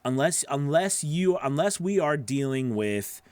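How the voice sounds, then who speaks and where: A middle-aged man, a voice-over coach hosting a show, answers live viewers' questions with casual advice from a small home studio. His voice sits on the high side and is expressive, unhurried and a little mellow, emphatic as he keeps checking in with listeners. He's close on a boom-arm broadcast mic, with no room sound.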